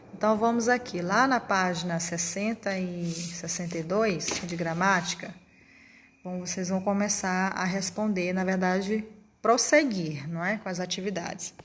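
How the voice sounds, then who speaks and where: A woman's voice: mid-range voice, fairly even intonation, a little slow, a little hiss or hum. A woman teacher, giving a lesson to children and checking in often with short questions. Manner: patient, explanatory, checks in with "tá?" and "ok?". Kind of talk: remote class lesson for children.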